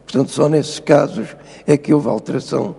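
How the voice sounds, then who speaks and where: A man's voice: a little high, level tone, normal speed, creaky, warm tone, husky, big-room sound. An older man with a European Portuguese accent, a professor explaining spelling rules in a TV interview, lecturing and insistent. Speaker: linguistics professor, guest. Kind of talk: TV studio interview.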